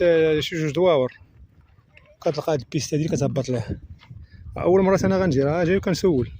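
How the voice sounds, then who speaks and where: Casual male vlogger, Moroccan accent, speedy delivery, out on a country road with noticeable noise. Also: a little high. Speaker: vlogger on a bicycle trip. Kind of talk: casual outdoor vlog chat. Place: outdoors on a rural road. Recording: noisy outdoor recording.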